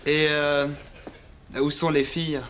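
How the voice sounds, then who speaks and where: A puzzled young French neighbour. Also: male voice, fairly high pitch, flat delivery, slow. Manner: questioning, bemused. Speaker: actor in a French learners' sitcom. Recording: sitcom clip with background noise.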